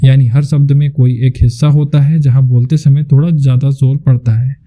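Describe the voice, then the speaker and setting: A man narrating a scripted lesson as a teacher, explaining in a clear, measured way. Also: medium pitch, flat delivery, warm tone, dull audio.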